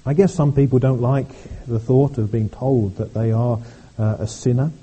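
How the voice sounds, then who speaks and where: A man's voice: medium pitch, steady tone, dark tone, husky, poor audio. A man preaching a sermon at a church service, speaking earnestly and often repeating words as he goes. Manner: earnest, halting delivery with frequent repeated words.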